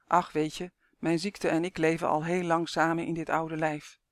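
A man voicing a calm, gentle old lady of eighty. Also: fairly high pitch, normal speed, no echo, clean studio sound, lightly acted. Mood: resigned. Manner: calm, soothing, gently wise. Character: kind frail old woman of eighty.

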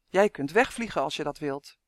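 Casting: a man playing an earnest young boy, fairly high, steady storybook tone, close dry recording. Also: moderate pace, no echo, natural voice. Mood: serious. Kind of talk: audiobook character voice.

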